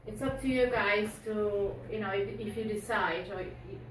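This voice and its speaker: This woman speaks at medium pitch and normal speed. A native Bulgarian speaker working as a police community support officer, she addresses a community group informally, often restarting and filling pauses, and the recording is noisy, echoey, and distant-miked.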